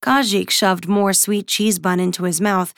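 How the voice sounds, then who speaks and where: A woman reading a novel aloud in an even, measured narration. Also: mid-range voice, no room sound, clean studio sound. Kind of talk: audiobook narration.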